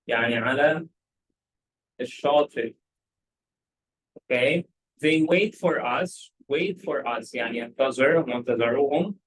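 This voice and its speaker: Slow, measured Egyptian man teaching English. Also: mid-range voice, fairly bright tone, poor audio. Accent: Egyptian Arabic. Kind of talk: explaining a story for English learners.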